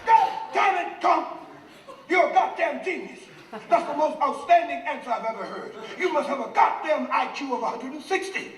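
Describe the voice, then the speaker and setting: An actor playing an explosive, intense army drill sergeant in a film, barking emphatically. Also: male voice, very high-pitched, moderate pace. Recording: film clip replayed in echoey room, distant.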